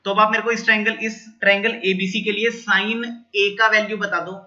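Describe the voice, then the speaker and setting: A man's voice: sits high, flat delivery, brisk, bright, forceful tone, muffled recording. A man teaching a maths lesson at a board, going through steps and checking in with students often.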